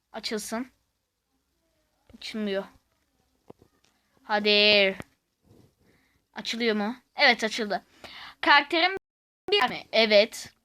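A woman gives casual gaming commentary as a host, reading questions aloud and reacting in an expressive, exclamatory way. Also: on the high side.

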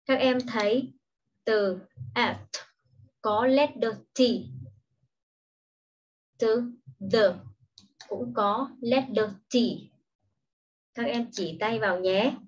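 Heard on a dull, lo-fi recording, a fairly high, faintly husky female voice gives young children a slow, patient online English lesson. As a primary school English teacher, she explains every word before carefully saying the English word, usually twice.

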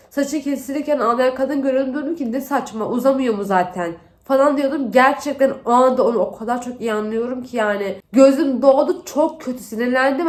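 A young woman with the flu, telling a story in a casual makeup vlog, exasperated and acting out the dialogue. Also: sits high. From Turkey. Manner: animated, exasperated retelling with acted-out dialogue. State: has the flu. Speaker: beauty vlogger.

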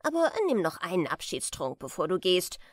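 A calm, hospitable old merman from a storybook, speaking with a genial ease, as a woman puts him on. His voice swings widely up and down. The sound is close and dry, with no room around it. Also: lowish voice, moderate pace, dry recording. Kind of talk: storybook reading.

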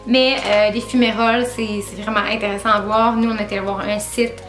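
A woman's voice: mid-range voice, level tone, moderate pace, a bit bright. A woman in her twenties with a Québécois French accent, talking casually to camera about her travels, with lots of filler sounds. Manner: chatty, many filler "euh"s, laughs at herself. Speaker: travel vlogger. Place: small room indoors with string lights and bookshelf. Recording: roomy echo, music behind.

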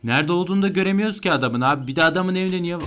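A man commenting live on a horror game he is playing, excitable and panicky when chased. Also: high voice, very fast, soft background music. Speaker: gameplay streamer.

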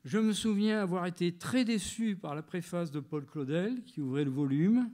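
A man in his sixties with a high voice reads a prepared lecture aloud. His delivery is measured and literary, and he pauses now and then to hesitate over a phrase. He speaks as a lecturer at a literary gathering. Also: animated, mellow.

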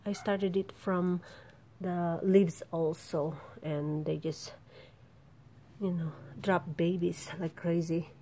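A woman giving a casual, halting, rambling vlog narration outdoors in a backyard, filming with a handheld camera. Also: on the low side, fairly even intonation, dark tone. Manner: informal, halting, rambling delivery. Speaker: vlogger showing their plants. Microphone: handheld camera, behind the lens. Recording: outdoor background noise.

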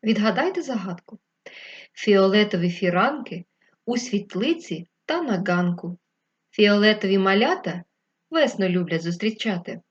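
Lively female teacher, dull lo-fi sound. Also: mid-range voice. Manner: slow, clear dictation addressed to children. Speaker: primary school teacher. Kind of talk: remote lesson for first graders.

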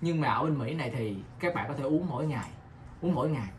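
A man's voice: fairly high pitch, expressive, fast, a little hiss or hum. A man with a Southern Vietnamese accent talks casually in a home kitchen vlog. He repeats himself and keeps asking the viewers "right?". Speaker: vlogger.

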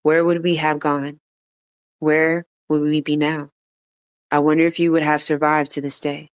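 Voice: mid-range voice, level tone, normal speed, smooth, dry recording, natural voice. A reader voicing a stern, grieving refugee mother in read-aloud dialogue, speaking earnestly and steadily.

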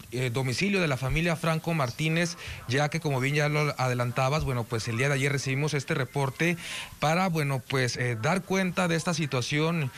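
A man's voice: a little high, fairly bright tone. A man with a northern Mexican accent reporting live in the field, hesitant and full of fillers.

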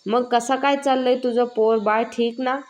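A woman's voice: fairly high pitch, steady tone, unhurried, darkish tone, natural voice. A woman voicing a scheming, lecherous male village moneylender in a spoken story, menacing and coaxing. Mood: sly friendly. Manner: menacing, coaxing then threatening.

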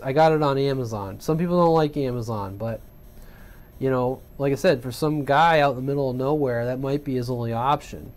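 A man with a medium-pitched, slightly mellow voice gives a loose, rambling tutorial at his home radio workbench. A CB radio hobbyist showing off his equipment, he keeps correcting himself and checking in with a conversational "right?"

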